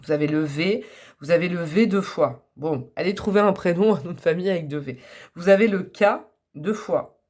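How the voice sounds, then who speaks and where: A woman's voice: on the low side, normal speed, darkish tone. A woman giving a casual tarot reading to camera, chatty and rambling, with frequent fillers and small laughs. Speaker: tarot card reader.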